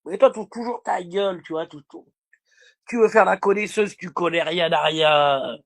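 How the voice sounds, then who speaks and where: A man's voice: sits high, normal speed, gravelly, a bit bright. A man livestreaming a heated, insulting rant aimed directly at a rival, repeating himself often.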